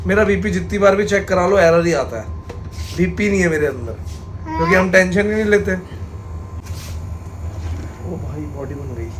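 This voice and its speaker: Standing outside a busy row of shops, a family vlogger films a casual vlog, chatting and joking while describing what's happening around him. His voice is high, his pace moderate, with long pauses. The outdoor street recording is noisy, full of traffic and street sounds.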